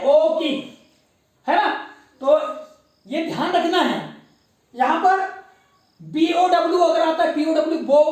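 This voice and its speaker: A woman teacher giving a classroom spelling lesson, spelling words out letter by letter and quizzing her pupils. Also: high voice. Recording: very echoey room, mic far off.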